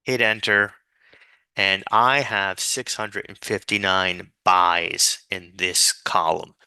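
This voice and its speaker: A man's voice: low-pitched, fairly even intonation, slow, pushed and bright, smooth, dry recording. A man giving an informal, patient step-by-step spreadsheet tutorial, dictating things piece by piece as an instructor. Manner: dictating formulas piece by piece, spelling out letters and symbols.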